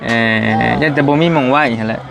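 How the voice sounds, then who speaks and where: A man's voice: medium pitch, quick pace, vocal fry, a crowd in the background. A man with a Lao accent, chatting casually outdoors in a village as he hands over a donation, coaxing and repeating his phrases. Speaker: vlogger delivering donation.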